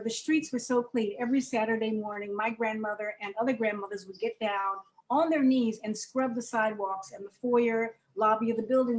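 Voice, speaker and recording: Older woman, author guest, fairly high voice, animated storytelling, conversational. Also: rough recording. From New York, Harlem. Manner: animated, vivid storyteller with lively asides. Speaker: children's book author, guest.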